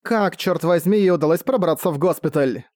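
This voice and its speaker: A man's voice: a little high, fairly quick, a little mellow, no room sound, studio quality, pitched above the performer's own voice, close to an everyday voice. A man reading an audiobook, voicing a blunt, practical woman hero who talks curtly. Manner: curt, matter-of-fact.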